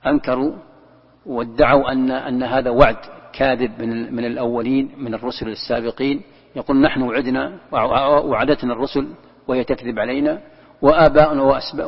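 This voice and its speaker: Recorded dull and lo-fi in a hall where sound echoes at length, a sheikh delivers Quran commentary in a gravelly, husky mid-range voice. He explains in steps, repeats key words, and demonstrates reciting a verse.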